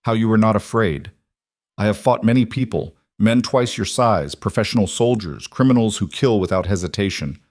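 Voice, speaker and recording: A man voicing a huge scarred male fighter who talks slowly and gravely, with a heavy accent and broken grammar. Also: on the low side, darkish tone, dry recording, studio quality, natural voice. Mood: solemn.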